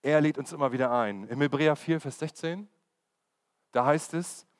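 A man's voice: on the high side, moderate pace. A man giving a conversational sermon and putting questions to his congregation. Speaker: preacher. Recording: long hall reverb.

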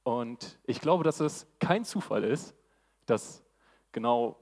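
Speaking slowly in a mid-range voice with lively intonation, this man delivers a sermon live before a church audience. His style is enthusiastic and exclamatory, bursting with eagerness. The sound comes through a handheld microphone, with a long reverb from the hall.

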